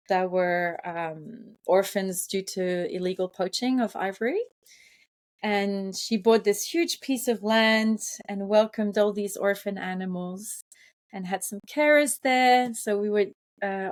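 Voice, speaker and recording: An environmental psychologist, born in France and partly raised in Kenya, tells personal stories as an interview guest in a reflective conversation. Her voice is medium-pitched and a little mellow, and she speaks slowly and thoughtfully, with hesitant phrasing.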